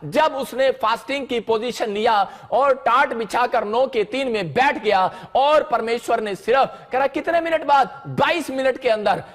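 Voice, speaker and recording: Brief: male pastor, very high voice, fervent sermon delivery, keeps repeating himself. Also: a little slow, few pauses. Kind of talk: live sermon.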